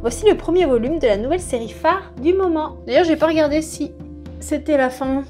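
A woman's voice: high voice, fairly quick, dark tone, faint music behind. A woman in her thirties casually presenting her new manga at home, chatty and full of hesitations. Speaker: book vlogger. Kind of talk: casual manga haul vlog. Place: home room in front of a bookshelf. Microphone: camera in front at mid-shot.

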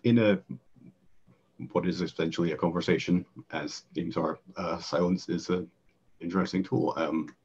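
A man on an online panel speaking in a deep voice, slowly and deliberately. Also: fairly even intonation, a little mellow, breathy edge, muffled recording. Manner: slow, deliberate, measured phrasing. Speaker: panel speaker on game mastering. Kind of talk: casual panel talk.

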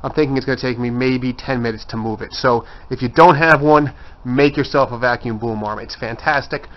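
A man's voice: medium pitch, brisk. Guy walking around his wood shop showing stuff, camcorder mic, kinda muffled. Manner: chatty, points things out as he walks. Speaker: woodworker giving a shop tour. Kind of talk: casual handheld walkthrough. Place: cluttered home woodshop, indoors. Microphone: handheld camera mic. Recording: dull lo-fi camcorder audio.

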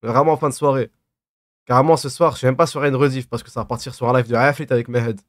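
A man's voice: medium pitch, fairly even intonation, racing, no room sound, clean studio sound. A man in his twenties with a lisp on his s sounds, chatting casually and teasingly as he reads and answers livestream comments in slangy banter. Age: 20s. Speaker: live streamer. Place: small dim room at a desk.

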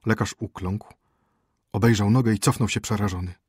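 A male audiobook narrator with a low-pitched, husky voice and a calm, measured delivery. He sounds close to the microphone, and the recording is dry with no room sound. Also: dry recording. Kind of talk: scripted narration.

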